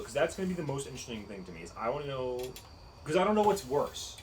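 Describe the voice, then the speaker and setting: A man co-hosting a podcast in casual chat, animated and incredulous, laughing often. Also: medium pitch, a little hiss or hum, low-quality recording. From United States. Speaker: podcast co-host.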